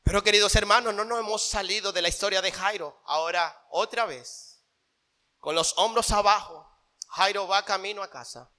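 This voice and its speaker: A male pastor with a Venezuelan accent, preaching a sermon and swinging between loud proclamations and hushed storytelling, in a church sanctuary. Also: high voice, moderate pace. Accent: Venezuelan Spanish.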